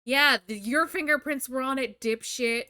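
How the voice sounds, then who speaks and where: A woman's voice: high-pitched, moderate pace, sharp tone, clear, resonant tone, no room sound, clean studio sound. A young woman livestreaming as a VTuber, reading a visual novel aloud and breaking off into crude, joking asides. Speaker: VTuber streamer. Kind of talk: live-streamed visual novel reading with commentary.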